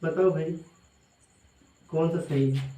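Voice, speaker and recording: A man's voice: fairly high pitch, fairly even intonation, slow pace, warm tone. Man teaching a class in an echoey room. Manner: asks questions and answers them himself, repeats often. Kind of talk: classroom lecture.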